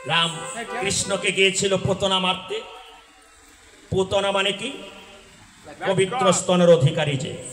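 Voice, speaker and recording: Brief: male devotional storyteller, high bright voice, preaching and quizzing, echoey venue. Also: fairly even intonation, a little slow, pauses often, music in the background. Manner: explains and quizzes audience, bursts into shouts. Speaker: folk religious storyteller-singer. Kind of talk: devotional folk drama preaching.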